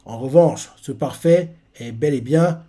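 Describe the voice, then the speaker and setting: A man reading aloud the lines of a cautious, steady male fighter, in a slightly lowered voice. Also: a little slow, husky. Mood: warning.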